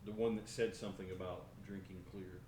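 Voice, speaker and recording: A man's voice: little pitch movement, fairly quick, warm tone. A man playing a tabletop game, talking casually and asking questions. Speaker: player. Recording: echoey room, background rumble.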